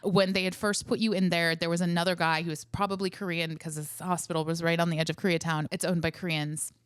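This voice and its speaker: A woman co-hosting a podcast, telling a story in a wry, animated way. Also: on the low side, fast talker, clear, resonant tone, dry recording. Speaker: podcast co-host.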